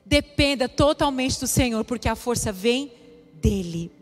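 Speaking at a measured pace, this woman has an animated voice on the high side. She delivers a sermon in a church hall, repeating herself emphatically and emotionally as she gives a personal testimony, while soft music plays in the reverberant space.

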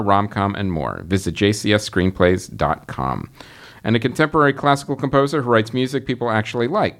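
Man, podcast host, reading listener promos, casual chat, fillers, medium pitch.

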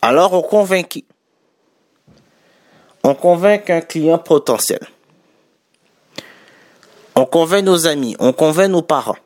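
A man with a Québécois accent talks viewers through business advice in a chatty, self-correcting way. His voice sits a little high and swings widely in pitch. The sound is dry and close, with no room echo. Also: lively intonation, slow pace, pauses often. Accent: Québécois French. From Quebec. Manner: chatty, corrects his own wording, laughs lightly. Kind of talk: casual spoken advice to viewers.

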